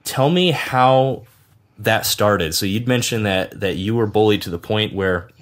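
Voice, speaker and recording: Man, interview host, lower voice, casual, conversational, rambling. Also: measured pace. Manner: conversational, rambling, loose phrasing. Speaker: podcast host.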